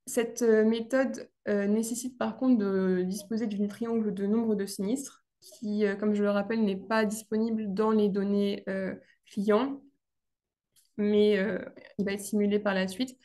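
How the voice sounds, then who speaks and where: A young woman presenting her thesis, speaking in a hesitant way with many pauses and restarts. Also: mid-range voice, flat delivery, dark tone.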